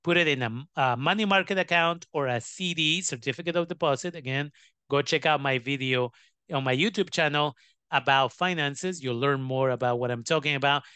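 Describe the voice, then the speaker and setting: An educator gives students scholarship advice in an instructional talk, emphatic and direct, checking in with "right" and "okay." His mid-range voice is brisk, bright and forceful. The sound is clean, with no room sound.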